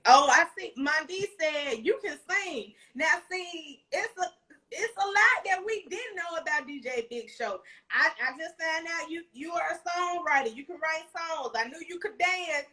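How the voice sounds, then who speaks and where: A woman host with an Alabama Southern accent and a high, forceful voice. She interviews casually, encouraging her guest and repeating phrases for emphasis. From Alabama, United States. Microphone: phone at arm's length, video call.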